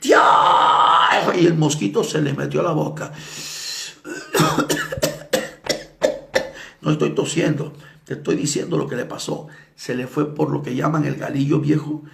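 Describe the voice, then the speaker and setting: A male evangelist preaching a sermon, telling stories dramatically and acting out the people in them, sometimes with shouts. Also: on the high side, normal speed, creaky. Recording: echoey room.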